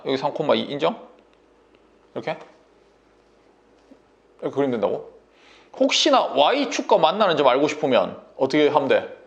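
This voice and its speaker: A man running a math lesson in blunt, casual speech, forever checking whether the student follows. His voice is gravelly and a bit high, and it swings up and down with energy. His throat is sore. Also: dull audio. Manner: bossy, coaxing banmal, constant checks like "인정?" and "됐니?". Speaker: math tutor.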